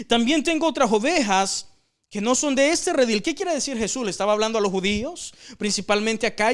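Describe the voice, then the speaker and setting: A man's voice: extremely high pitch, clean tone. A man leading a Bible study, teaching earnestly, repeating phrases for emphasis and often addressing listeners as brother.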